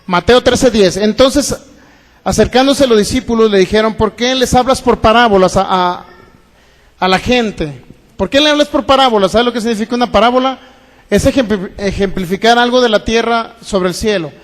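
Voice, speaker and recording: High-voiced pastor preaching in a hall. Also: male voice, brisk. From Mexico. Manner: preaching with rhetorical questions to the congregation. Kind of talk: sermon. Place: church hall. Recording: long hall reverb.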